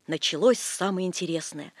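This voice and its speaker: A man narrating a literary tale aloud with expressive, lively storytelling. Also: sits high, moderate pace, no room sound, studio quality.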